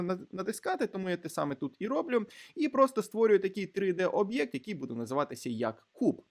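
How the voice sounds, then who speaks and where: A man teaching a screen-recorded programming tutorial, explaining step by step with hesitant fillers and restarts. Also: sits high. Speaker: programming instructor.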